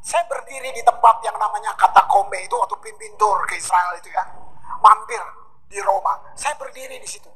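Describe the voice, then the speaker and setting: A man's voice: sits high, lively intonation, a little fast, pushed and bright, husky, rough recording. A middle-aged man preaching a sermon, telling stories animatedly and slipping into casual slang. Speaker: pastor.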